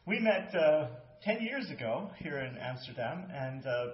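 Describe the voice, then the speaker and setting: A man's voice: fairly high pitch, big pitch swings, measured pace. A man hosting a radio show, chatty and laughing often while he interviews a guest. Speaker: radio host. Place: guest's home in Amsterdam. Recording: echoey, dull lo-fi, faint hiss.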